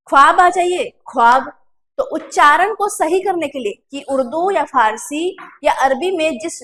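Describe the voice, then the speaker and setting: A high-voiced woman with a Chhattisgarh Hindi accent teaches Hindi pronunciation in an exam-prep classroom lesson. She explains step by step, asks and answers her own questions, and slows down for drawn-out pronunciation drills.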